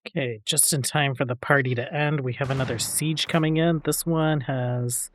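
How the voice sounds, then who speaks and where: A man hosting a let's play, calmly thinking aloud with frequent fillers as he plays a strategy game. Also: medium pitch, normal speed, slight background noise. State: hiccups. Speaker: gaming channel host.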